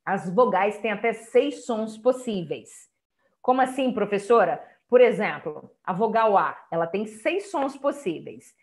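A woman's voice: mid-range voice, sing-song, a little slow, few pauses. A Brazilian Portuguese-speaking woman giving an online lecture as an English teacher, explaining step by step and checking in with listeners. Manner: explanatory, chatty, many checking tags like "tá?" and "ó".

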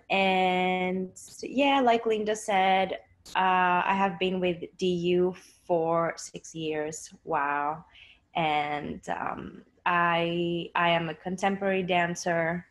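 Hesitant low-voiced woman from Greece. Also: steady tone, slow pace, rough recording. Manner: hesitant, many restarts and fillers. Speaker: dancer and choreographer guest. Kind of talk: casual interview on a video call. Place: living room, sitting on a couch. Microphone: laptop webcam on a video call.

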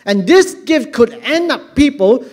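High-voiced Singaporean man preaching. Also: unhurried. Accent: Singaporean English. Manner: earnest, animated, repeats words. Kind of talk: sermon. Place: large church hall on a stage. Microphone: handheld mic. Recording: long hall reverb.

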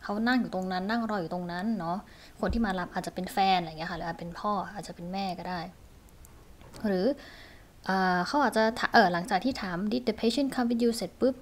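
A woman teaching a lesson, explaining in a chatty way and modeling short phrases slowly and clearly. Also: medium pitch, a little hiss or hum. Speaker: English teacher for pharmacists.

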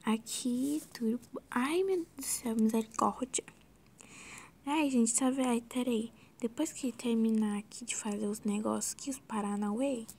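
A Brazilian woman walking through a video editing tutorial in a casual, scattered way, often sinking into a soft whisper and exclaiming to herself. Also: on the high side, a little slow, slightly rough. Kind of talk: casual screen-recorded tutorial.

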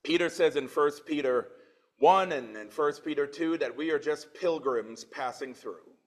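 Preaching in church, a Trinidadian man in his forties reads scripture with swelling emphasis, then slips into plain conversational asides. His voice sits a little high and he takes his time.

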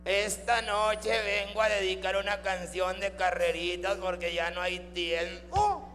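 Man playing a crude, insulting Mexican puppet; high, drawled, slow delivery over live music. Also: a bit bright, big-room sound, a little hiss or hum. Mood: mocking. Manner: vulgar roasting jokes, drawled. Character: crude foul-mouthed male puppet, insulting the crowd. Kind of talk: live ventriloquist comedy.

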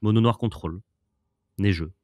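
A man co-hosting a card-game stream in casual chat, relaxed and hesitant, often trailing off in asides. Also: on the low side, normal speed, dry recording, studio quality. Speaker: co-host, gameplay commentator.

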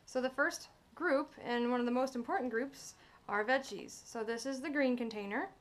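A young woman who is a vlogger and fitness coach gives a chatty, informal how-to vlog in her home kitchen. Her voice is high and her speed normal, with background noise. The camera sits across the counter, so the sound is echoey and distant from the mic.

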